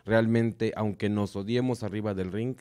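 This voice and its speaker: A man's voice: on the low side, steady tone, moderate pace, warm tone, clean tone. A man from Mexico with a Mexican accent, speaking as a wrestler answering interview questions in short segments. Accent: Mexican Spanish.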